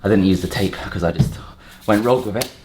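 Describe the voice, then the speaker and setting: A home renovation vlog host narrates his hands-on work casually and unscripted, thinking aloud as he goes. His voice is fairly low and a little fast, captured in a noisy home recording with clicks.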